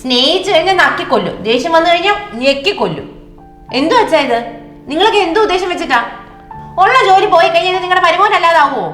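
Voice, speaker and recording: A woman's voice: very high-pitched, animated, fast, a bit bright, faint music behind. A woman with a Malayali accent playing a defiant young wife who lectures her parents in a comedy sketch. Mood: indignant. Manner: indignant, lecturing. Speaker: daughter defending her husband. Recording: roomy echo.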